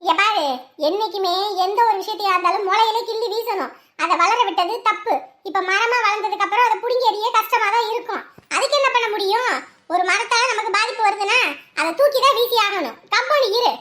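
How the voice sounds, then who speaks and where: A woman playing a blunt, sharp-tongued young woman who scolds her friends and strangers. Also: extremely high pitch, fairly quick. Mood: scolding. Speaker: outspoken friend. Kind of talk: web series acting.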